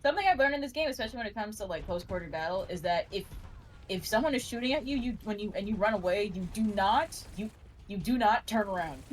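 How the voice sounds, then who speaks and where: A woman's voice: medium pitch, animated, fast talker, slight background noise. A young woman doing chatty, rambling color commentary on a college esports match. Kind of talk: live casual color commentary.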